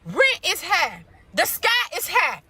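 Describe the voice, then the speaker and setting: A woman's voice: very high-pitched, huge pitch swings, slow, very noisy. A woman venting in a clip, exasperated and repeating herself.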